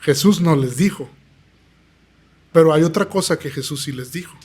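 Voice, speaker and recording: A man's voice: fairly high pitch, normal speed, darkish tone, husky. A man, a pastor telling his testimony in an earnest, preaching tone. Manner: earnest, preaching tone, acts out quoted voices. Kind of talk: podcast interview testimony.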